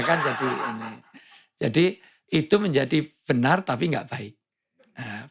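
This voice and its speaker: A male preacher chatting on a talk show with a gravelly, husky voice pitched a bit high. He jokes and plays with sounds as he makes his points. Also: fairly bright tone. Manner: joking, playful, imitates sounds. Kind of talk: humorous preaching in conversation.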